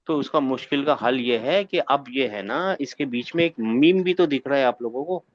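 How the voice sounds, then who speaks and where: A man's voice: medium pitch, moderate pace, no room sound, highs cut off. A male Arabic teacher running an interactive grammar class, quizzing students and repeating phrases as he corrects them.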